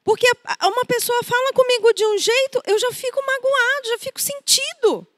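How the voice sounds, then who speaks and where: A woman's voice: very high-pitched, fairly quick, a bit bright, no echo, clean studio sound. A woman with a Brazilian Portuguese accent preaching a conversational sermon, acting out quoted voices as she goes. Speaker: preacher and therapist.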